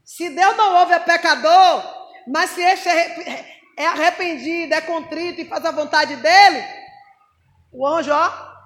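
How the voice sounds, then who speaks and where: A woman with a Brazilian Portuguese accent preaching a sermon. She is animated and puts rhetorical questions straight to the congregation. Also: very high voice, unhurried, roomy sound.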